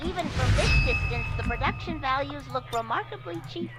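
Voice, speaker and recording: A woman's voice: sits high, lively intonation, brisk. A woman voicing a droll female soldier with quips from a video game voice pack, in noisy game audio.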